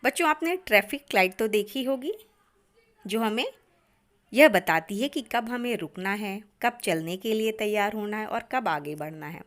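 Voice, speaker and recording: An Indian woman teaching an online grammar lesson to children, speaking deliberately and often addressing the class. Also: medium pitch, expressive.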